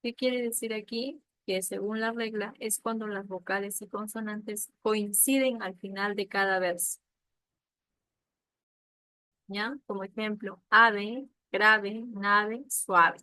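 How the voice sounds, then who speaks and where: A woman's voice: medium pitch, fairly even intonation, unhurried, no room sound, rough recording. A woman teaching a literature lesson, explaining patiently with examples and often checking in with a questioning "ya?".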